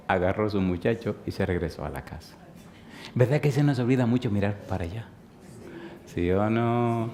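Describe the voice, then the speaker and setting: A man's voice: lowish voice, a little mellow. A man in his fifties preaching a sermon, telling stories playfully and asking the congregation questions. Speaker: pastor.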